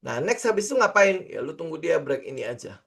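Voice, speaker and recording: A man's voice: a little high, big pitch swings, brisk, gravelly, a bit bright, husky. A middle-aged man, teaching trading in a casual screen-share lesson, chatty and full of fillers and rhetorical questions. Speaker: trading instructor.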